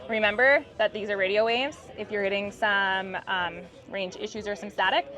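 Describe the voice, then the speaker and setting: A mid-range, sharp-toned female voice with fairly even intonation describes a product at a moderate pace. She's a company representative giving an upbeat, informal explanatory demo during an interview, heard through muffled, band-limited audio over background music.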